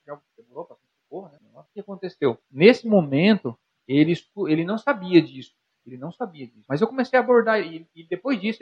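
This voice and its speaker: Talking fast in a husky, slightly high voice, a Brazilian psychologist guest with a Brazilian Portuguese accent explains things conversationally through examples. He's animated and turns to the listener with rhetorical questions, while the recording has a dull lo-fi quality.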